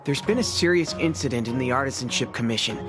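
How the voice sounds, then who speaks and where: A man's voice: medium pitch, fast, close to an everyday voice. An actor playing an anxious young male apprentice craftsman, talking in an earnest, worried way in a video game scene. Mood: defensive. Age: young adult. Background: faint game music.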